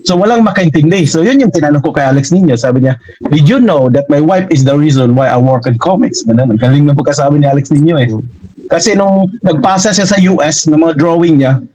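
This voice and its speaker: A man from Mindanao with a Filipino accent, a guest comic artist telling stories in a lively, animated way in a casual talk. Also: on the high side, a little fast, dry recording, poor audio. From Mindanao, Philippines. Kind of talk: casual storytelling.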